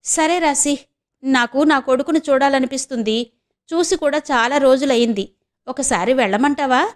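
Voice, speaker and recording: A woman voicing a scheming elderly mother who talks in a slow, knowing, insinuating way in an audio novel. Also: high voice, natural voice. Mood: sly. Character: scheming elderly village mother, sly and blunt.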